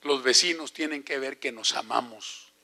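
A man's voice: mid-range voice, normal speed. An older man preaching a sermon as an evangelist, telling stories animatedly and asking the congregation questions. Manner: animated storytelling with rhetorical questions.

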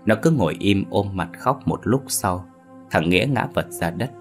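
A man narrating a ghost story in a steady, measured way. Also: deep voice, gravelly. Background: faint background music.

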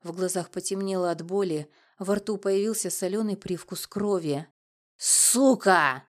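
A woman narrating a first-person audiobook in a measured, dramatic way. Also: mid-range voice, steady tone, mellow.

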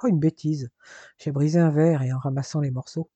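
A brooding young man in a spoken novel who dodges questions, voiced by a male reader. The voice is husky and mellow, and he keeps his answers short and dismissive. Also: fairly high pitch, fairly even intonation, fairly quick, dry recording. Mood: evasive. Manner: curt, brushing things off.

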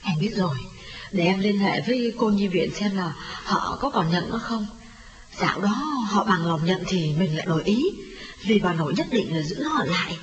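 A man voicing a distraught young mother, in a strained high falsetto that turns to wailing. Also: lively intonation, normal speed, crowd noise. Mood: pleading. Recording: roomy reverb, faint music, slightly dull.

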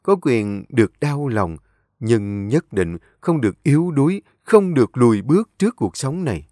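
A man reading a scripted story in a calm, heartfelt way. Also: medium pitch, normal speed, dry recording, studio quality.

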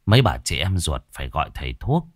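A man telling a horror story in vivid, expressive narration. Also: rumbling low, fast talker, dry recording, studio quality. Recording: narration over faint music.

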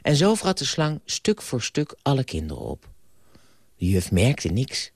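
Animated, husky-voiced man reading aloud. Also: mid-range voice, a little slow, dry recording, studio quality. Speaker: radio speaker reading a story aloud. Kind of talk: expressive storytelling and reflection. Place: radio studio.

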